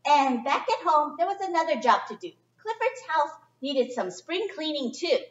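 In a library's children's area, a middle-aged woman reads a picture book aloud in a high, very lively voice, chatty and expressive, tossing in casual asides in simple words. A camera mic across the room captures her, so the sound is distant and echoey with the highs cut off. She speaks at a normal speed.

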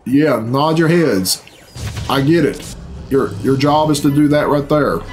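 Slightly slow and a little mellow, this middle-aged man's mid-range voice carries casual, profane reaction commentary in a sarcastic, bemused grumble. He's a reaction video host sitting indoors in a small bedroom, with cutscene music from a video game behind him.

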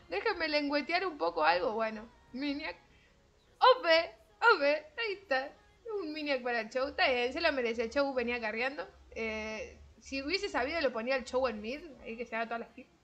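A young woman chatters through her gameplay in a high voice. Her commentary is excitable and self-mocking, and she laughs and shrieks easily as the match goes on. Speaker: gaming streamer.

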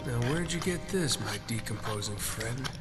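A man's voice: mid-range voice, lively intonation, normal speed, close to an everyday voice. A man playing a wry treasure hunter. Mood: dry. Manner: dry, sardonic. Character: wisecracking adult male treasure hunter. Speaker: game protagonist. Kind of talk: video game dialogue. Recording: game audio over music.

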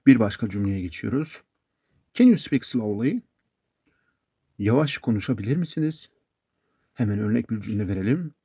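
Guy teaching english phrases, slow and careful, says stuff twice, dark mellow voice, dry close sound. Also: fairly low pitch, big pitch swings, husky, no room sound. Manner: slow, deliberate, repeats example sentences. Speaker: English teacher, channel host. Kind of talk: English lesson narration.

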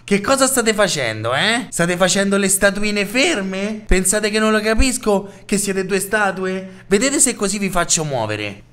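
A man's voice: high-pitched, big pitch swings, measured pace, hardly any pauses, fairly bright tone, clean tone, full character voice. A man voicing a big male monster school bully who taunts and laughs at smaller kids. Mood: taunting. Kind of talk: roleplay voice acting.

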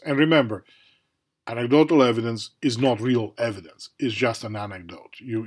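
A middle-aged man lecturing as a university professor in a conversational way, with many fillers and tag questions. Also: fairly low pitch. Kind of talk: recorded lecture.

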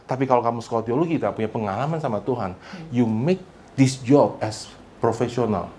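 A male pastor delivers a lively sermon, his pitch leaping high and dropping low for emphasis. He switches freely between two languages and keeps prompting the congregation to answer him. Faint ambient noise hums behind him in the church. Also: a little fast. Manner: mixes Indonesian with English phrases; animated and emphatic, with big pitch swings. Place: church service before a congregation.

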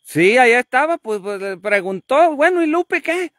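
A woman's voice: high-pitched, very animated, moderate pace, no echo, clean studio sound. A woman vlogger, teasing and swearing in casual chat.

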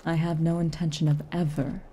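In an intimate ASMR roleplay, a woman plays a haughty, reclusive tsundere witch whose low, very dark voice sometimes softens into a breathy near-whisper. She's aloof and stern, issuing brisk, clipped commands with little pitch movement, yet hides a kindness beneath; the light acting carries a faint hiss or hum.

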